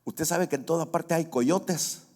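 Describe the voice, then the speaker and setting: A man's voice: a little high, unhurried, darkish tone. A man with a Salvadoran accent preaching a sermon, telling stories and explaining terms step by step. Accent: Salvadoran Spanish. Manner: storytelling, acts out quoted voices, explains word by word. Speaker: pastor. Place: church sanctuary. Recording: long hall reverb.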